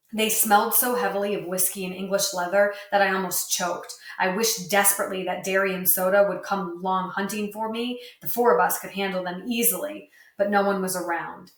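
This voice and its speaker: Woman reading a novel aloud, roomy. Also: on the low side. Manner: steady storytelling narration with lightly voiced dialogue. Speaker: reader. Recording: roomy, distant mic.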